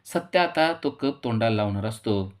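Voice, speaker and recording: A man's voice: medium pitch, moderate pace. Man retelling a TV serial episode. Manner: dramatic, steady storytelling. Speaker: narrator.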